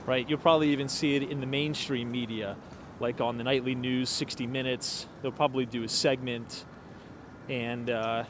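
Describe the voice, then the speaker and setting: Out on cold city streets after dark, a late-twenties man chats to his livestream audience as he walks, his voice medium-pitched and steady at a moderate pace. He thinks aloud with fillers and side comments to viewers, while street noise runs underneath.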